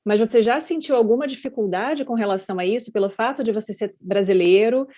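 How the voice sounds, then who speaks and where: A Brazilian woman hosts a podcast interview, speaking quickly in a warm, fairly high voice. Her questions are long, chatty and rambling, sprinkled with frequent "né." The video-call audio is lo-fi and slightly dull.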